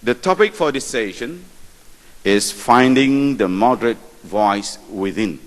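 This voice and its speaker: A man moderating a formal conference session, introducing speakers in a measured way with light asides. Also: medium pitch, animated. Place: large conference hall. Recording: reverberant hall.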